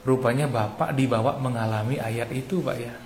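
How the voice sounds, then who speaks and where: A man's voice: mid-range voice, steady tone, moderate pace, a little mellow. A man hosting as a pastor, interviewing a guest attentively with frequent murmured affirmations. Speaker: pastor and podcast host. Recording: echoey room with faint ambient noise.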